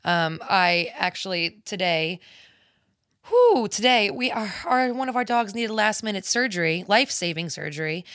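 Woman podcaster chatting, bright but tired n a lil smoker raspy, gushy, dry sound. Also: mid-range voice, expressive, normal speed, dry recording. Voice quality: slight smoker's rasp. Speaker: podcast host. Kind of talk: casual podcast introduction and interview chat.

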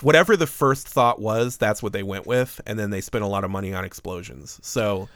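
A man's voice: lowish voice, fairly quick, a bit bright, no echo. A man co-hosting a podcast, recapping a film in casual chat with a wry, joking manner and frequent laughs. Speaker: podcast co-host. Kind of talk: casual movie-review chat.

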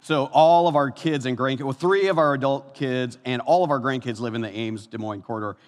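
Man, 50s, pastor, sermon, animated delivery, echoing hall. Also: fairly quick. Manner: animated, swings from soft and low to loud and high. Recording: long hall reverb.

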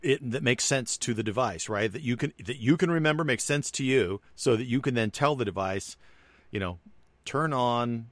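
A man's voice: mid-range voice, expressive, a little fast, no echo. A man co-hosting a casual tech chat, chatty and wry, often laughing at his own examples. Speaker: tech podcast co-host.

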